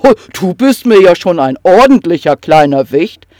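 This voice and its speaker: A storyteller voicing a big fat male troll who roars with laughter and booms. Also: sing-song, moderate pace, a little mellow, no echo, clean studio sound, lightly acted. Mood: booming jolly. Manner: booming, guffawing.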